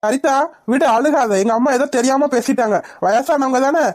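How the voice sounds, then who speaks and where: A woman voicing a gentle, soothing middle-aged father who calms the family, in a cartoon. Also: high-pitched, moderate pace, no room sound, studio quality, pitched below the performer's own voice. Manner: calming, conciliatory.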